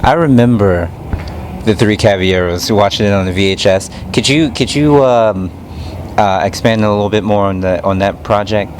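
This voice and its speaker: Halting male interviewer with background noise. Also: fairly low pitch. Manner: halting, tentative, repeats words. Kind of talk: casual questioning.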